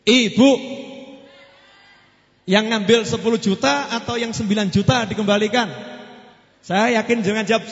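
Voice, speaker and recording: A male preacher with a Javanese accent gives a playful sermon and keeps tossing questions to the congregation. His voice sits high. The recording is dull and lo-fi, with a long echo from a big hall. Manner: joking, asks the audience questions, mixes in Javanese phrases.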